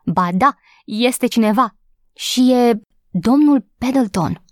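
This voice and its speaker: A high, breathless young maid who bursts with gossip and flares up quickly, as a woman reading the story puts her on. Her voice leaps up in pitch and pushes louder, full of eager indignation. The sound is dry and close to the mic. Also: animated, no echo, natural voice. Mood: excited. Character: excitable young housemaid, gossipy and quick-tempered. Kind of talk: audiobook character voice.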